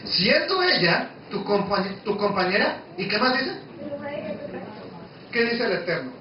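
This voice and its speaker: A man with a very high voice preaches a Bible study unhurriedly, emphatic and conversational, with big pitch swings and constant questions for his listeners. He's picked up from some distance in a very echoey room where his voice booms, and the sound is a bit dull with faint hiss underneath.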